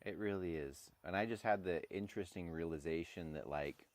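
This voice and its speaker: A man's voice: sits low, a little fast, no room sound. A man chatting casually on a porch, trading wisecracking banter with his friend. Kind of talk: casual chat. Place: outdoor porch.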